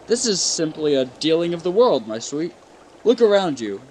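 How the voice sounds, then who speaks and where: A man's voice: a little high, very animated, normal speed, darkish tone, slight background noise. A man playing a proud, ambitious young businessman and suitor in a radio play, formal and self-assured. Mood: defensive, proud. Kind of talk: live-audience radio play acting.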